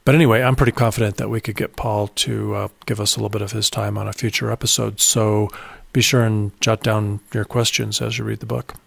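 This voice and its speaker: A man hosting a podcast, talking in a steady, matter-of-fact, explanatory way. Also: on the low side, a little fast, creaky, breathy edge, no echo. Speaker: podcast host. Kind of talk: casual podcast chat.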